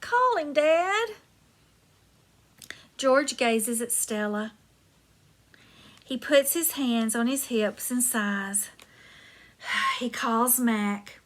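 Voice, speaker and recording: A woman's voice: on the high side, a bit bright. A woman teacher reading a chapter book aloud to her class, stopping to explain words and check in with her listeners.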